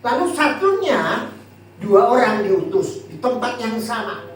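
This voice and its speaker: Lively male preacher, echoey. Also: very high voice, measured pace, soft background music. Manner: lively, jokey, asks the congregation questions. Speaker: pastor. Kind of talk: sermon. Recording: echoey hall from far off, faint noise.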